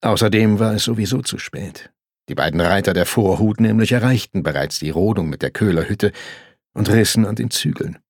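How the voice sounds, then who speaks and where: A man reads a historical novel aloud in a measured storytelling manner. His voice sits low and has a gravelly, husky grain. The recording is dry and close. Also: no room sound. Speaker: narrator. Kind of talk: audiobook reading.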